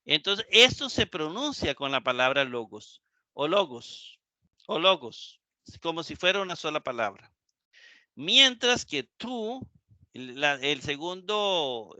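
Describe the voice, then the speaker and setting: Male teacher, bright tone, slow, patient delivery. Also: a little high, dry recording. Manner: slow and explanatory, with many fillers and repeats. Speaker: Greek teacher. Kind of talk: live online lecture.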